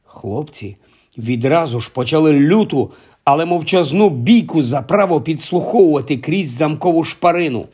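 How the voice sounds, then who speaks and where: Expressive male storyteller, husky tone, animated delivery. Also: fairly high pitch, normal speed. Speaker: audiobook narrator. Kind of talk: audiobook narration.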